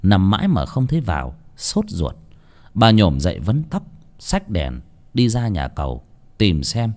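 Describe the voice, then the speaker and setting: A man narrating a horror story in an expressive, dramatic way. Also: low voice, measured pace. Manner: expressive, swooping intonation. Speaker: audiobook narrator.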